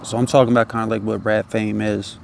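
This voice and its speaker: A man's voice: on the low side, flat delivery, quick pace, gravelly, background noise. A man chatting casually in a loose, laid-back stoner drawl, rambling with slang and swearing. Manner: slangy, swearing, repeats tag phrases. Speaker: independent music artist.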